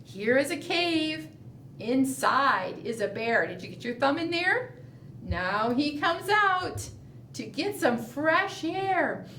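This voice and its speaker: For preschool storytime, a children's librarian reads aloud and does fingerplay in a high, slightly bright voice, taking her time with a sing-song lilt and questions for her young audience. The mic sits far off, so the sound is echoey with faint background noise.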